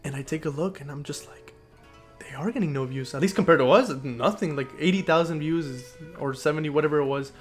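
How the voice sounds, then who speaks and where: A young man who co-hosts a podcast and makes YouTube videos chats casually, rambling with many fillers and restarts. He has a fairly high voice and talks quickly with hardly any pauses over soft background music.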